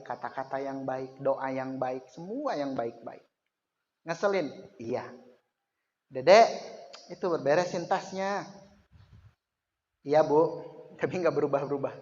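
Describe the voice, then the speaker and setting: A man giving a lively parenting seminar to mothers. He keeps asking the audience questions and often bursts into raised emphasis. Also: medium pitch, slight background noise. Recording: dull lo-fi recording with long hall reverb.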